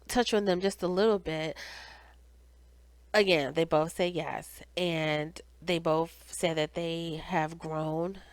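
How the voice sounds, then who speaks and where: Her deep voice has a clean tone on a dry recording, though it comes out nasal and congested from a cold or allergies. She's a video reviewer running her own channel, offering a conversational, casual TV recap addressed right to her viewers.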